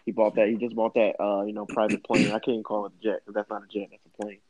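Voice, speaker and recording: A man's voice: lowish voice, little pitch movement, quick pace, darkish tone, rough recording. A man co-hosting a podcast, talking about rap in a laid-back, joking way. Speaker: podcast co-host. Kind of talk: casual hip hop debate.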